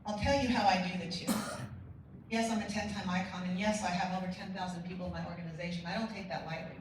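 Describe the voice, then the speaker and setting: Woman, keynote speaker, lively storyteller; distant mic, very echoey hall. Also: lowish voice, quick pace, slight background noise. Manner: energetic storytelling with quoted dialogue. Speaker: motivational speaker. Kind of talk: conference keynote speech. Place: large conference hall.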